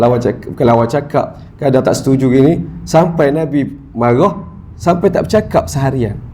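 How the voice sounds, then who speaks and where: A Malaysian religious teacher with a soft, mellow voice speaks to a gathered audience. He recites short Arabic phrases, then explains them in relaxed everyday Malay, often calling out to his listeners as he goes. His pitch sits at an ordinary middle level for a man. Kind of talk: mosque lecture. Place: mosque lecture hall.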